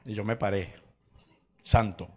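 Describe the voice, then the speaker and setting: A man's voice: lowish voice, fairly even intonation, unhurried, warm tone. A man preaching a sermon in a church, telling personal stories with acted quotes and laughter. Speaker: pastor.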